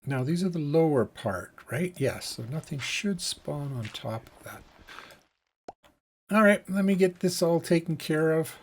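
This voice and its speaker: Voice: medium pitch, lively intonation, measured pace. A let's-play host giving casual gameplay commentary, musing aloud and thinking through each task step by step.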